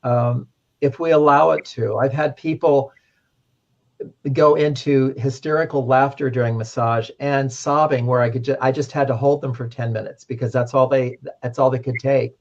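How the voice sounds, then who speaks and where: A man's voice: medium pitch, fairly even intonation, normal speed. A man who practised massage for many years, telling rambling stories in a casual panel chat, with frequent restarts. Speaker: guest, former massage therapist and witch. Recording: dull lo-fi sound.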